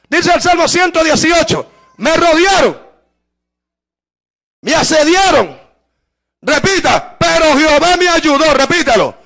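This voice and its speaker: A man's voice: very high voice, creaky, sharp tone. A male evangelist preaching at a church revival service, fervent and repetitive, calling out to the congregation. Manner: fervent, repetitive calls, bursts of speaking in tongues. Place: church service with music behind.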